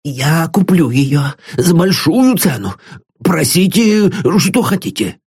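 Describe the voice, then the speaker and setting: A man's voice: a little high, big pitch swings, slow, darkish tone, husky, no echo, studio quality, voice pushed up, heavily acted. A man voicing a nervous, frightened elderly pawnbroker who mutters and pleads in a timid, breathless way. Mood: anxious pleading.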